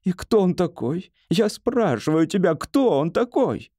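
A man voicing a petulant, melodramatic middle-aged hypochondriac in an audiobook, complaining loudly and indignantly. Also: sits high, sing-song, measured pace, no room sound, clean studio sound, voice pushed up, full character voice. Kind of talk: audiobook character voice.

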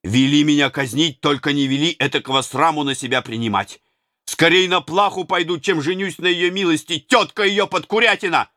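A man's voice: on the high side, fairly quick, pushed and bright, dry recording, studio quality, voice pushed up. A man reading an audiobook and voicing a humble old male servant who talks in a plain, folksy, deferential way. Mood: pleading. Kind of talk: audiobook character voice.

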